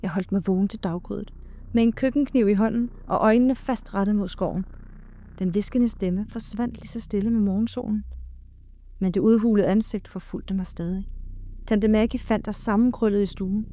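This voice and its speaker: A woman giving a slow, hushed and dramatic scripted horror narration, with sudden loud cries. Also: mid-range voice.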